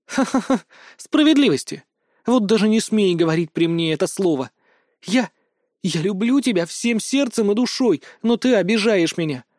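A man's voice: sits high, normal speed, darkish tone, dry recording, studio quality, pitched above the performer's own voice, lightly acted. A man voicing a tearful, vengeful young woman who squeals shrilly, in an audiobook. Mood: scorned, vengeful.

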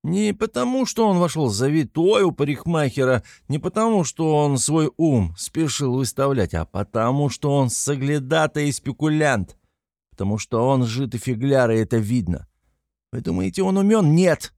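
A man voicing an excitable, tipsy young man who rants passionately in an audiobook reading. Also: on the high side, normal speed, creaky, dry recording, studio quality. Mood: flustered. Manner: ranting, passionate, exclamatory.

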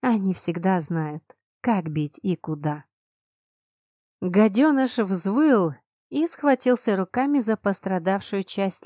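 A woman narrating a first-person fantasy audiobook in an expressive, emphatic manner on a close mic. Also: medium pitch, no room sound.

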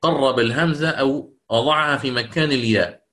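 During a lecture on the rules of Quranic recitation, a man with a medium-pitched, fairly bright voice explains things step by step. He asks questions back to his listeners and slows into drawn-out, chanted recitation for his examples.

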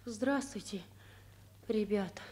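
An actress playing a weak-willed, sheepish schoolboy truant in a children's drama, hesitant and plaintive. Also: female voice, medium pitch, takes it slowly, a little mellow, natural voice. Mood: meek, feigning illness. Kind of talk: children's radio drama acting.

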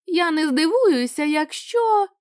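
A woman reading the part of an eager young woman who talks in a bright, excited, coaxing way. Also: very high-pitched, slow pace, voice pushed up, heavily acted.

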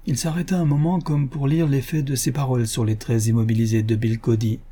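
Mellow husky male narrator. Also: mid-range voice, fairly even intonation. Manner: measured dramatic reading. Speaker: audiobook narrator. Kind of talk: scripted narration.

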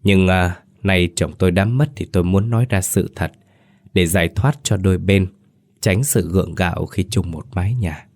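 A man voicing a sharp-tongued, scheming middle-aged village matriarch who scolds and speaks theatrically. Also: sits low, moderate pace.

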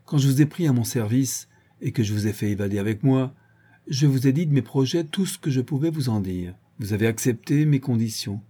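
A man's voice: mid-range voice, lively intonation, brisk, mellow, slightly rough. A man voicing a drunk, mocking middle-aged villain who taunts his captive in an audiobook. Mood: cold threatening. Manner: sneering, jovial, taunting. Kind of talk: audiobook character voice.

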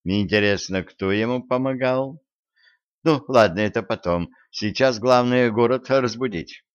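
A man voicing a bossy young woman, a witch's granddaughter, in a storybook reading with brisk, commanding talk over dull lo-fi audio. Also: mid-range voice, clean tone, dry recording, natural voice.

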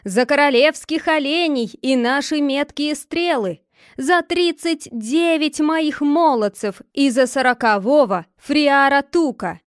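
A woman's voice: sits high, lively intonation, a little slow, no room sound, clean studio sound. A woman voicing a merry, commanding male outlaw leader who exclaims and questions, in a storybook reading. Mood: rousing.

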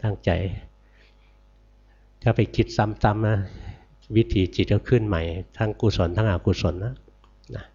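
Older Thai monk giving a gentle sermon. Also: male voice, on the low side, fairly even intonation, measured pace, long pauses, muffled recording. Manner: gentle, repetitive, ends phrases with soft particles; asks the audience questions and answers them. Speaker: Buddhist monk teacher. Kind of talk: dharma sermon.

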